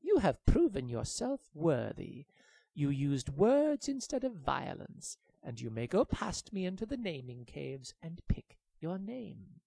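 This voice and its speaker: A man's voice: fairly high pitch, very animated, unhurried, vocal fry, dark tone, slightly rough, dry recording, heavily acted. A man doing a wise old blind monkey. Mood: approving.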